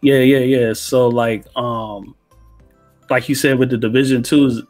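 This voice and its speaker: A man's voice: mid-range voice, fairly even intonation, unhurried, a little mellow, faint music behind. A man co-hosting a gaming podcast in a laid-back way, often adding "you know what I'm saying.". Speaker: podcast co-host. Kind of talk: casual gaming podcast chat.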